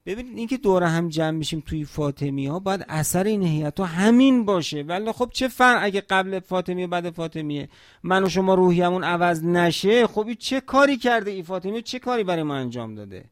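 A man's voice: high-pitched, lively intonation, dry recording, studio quality. A man preaching a religious sermon at a mourning gathering, emphatic, asking rhetorical questions and quoting scripture in Arabic.

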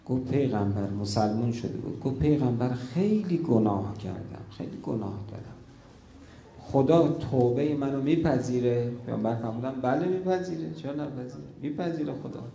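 A man preaching a religious sermon, telling stories with feeling and dropping to a hush at key moments. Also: medium pitch, lively intonation, creaky, echoey room, a little hiss or hum. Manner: emotive storytelling, drops to a hush at key moments.

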